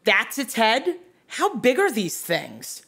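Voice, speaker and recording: A woman's voice: on the high side, huge pitch swings, slow pace, gravelly, fairly bright tone, slightly rough, exaggerated voice. A woman playing a brash starship captain. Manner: brash, commanding. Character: fierce, foul-mouthed female starship captain. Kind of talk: audio drama.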